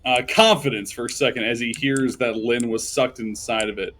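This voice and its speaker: A man's voice: mid-range voice, steady tone, normal speed, a bit bright, slight background noise. A man running a tabletop game as game master, narrating casually and loosely. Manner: casual, easily amused, loose descriptive narration.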